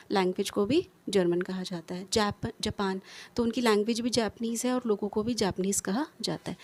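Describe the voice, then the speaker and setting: A woman teacher explaining English grammar in a lesson. She keeps asking questions and answering them herself, and she reads the English examples slowly and deliberately. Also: a little high.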